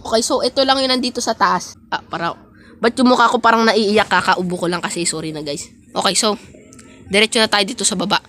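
A woman's voice: medium pitch, a little fast, fairly bright tone, a little hiss or hum. A woman giving casual, playful game commentary, chatting and talking straight to her viewers. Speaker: gaming vlogger.

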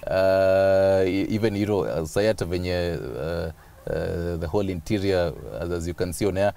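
Low-voiced Kenyan TV host, halting. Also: male voice, creaky, mellow. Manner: halting, many restarts and "uh". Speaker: TV show host. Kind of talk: TV interview, mixing English and Swahili. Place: inside a parked car outdoors.

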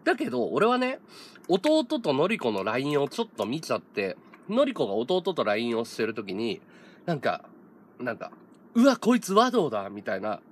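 A man's voice: mid-range voice, huge pitch swings, moderate pace, a little hiss or hum. A man in his thirties, a streamer, telling a story in casual chat, laughing often and acting out other people's lines. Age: 30s.

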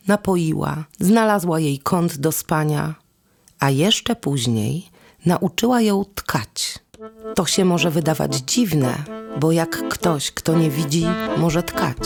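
A storyteller with a low-sitting voice and vocal fry narrates a fairy tale expressively, using lyrical, rhythmic phrasing. Instrumental music plays behind her voice.

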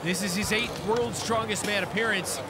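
A man working as play-by-play commentator, giving measured, informative sports commentary. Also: high voice, heavy background noise. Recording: loud crowd and music behind.

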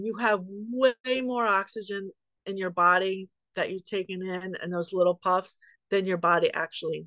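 A woman leads a guided breathing exercise, talking slowly and patiently with long pauses between cues. Her asides are chatty and self-deprecating. The sound is dry and close, with no room echo. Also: mid-range voice, fairly bright tone. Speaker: breathing class instructor.

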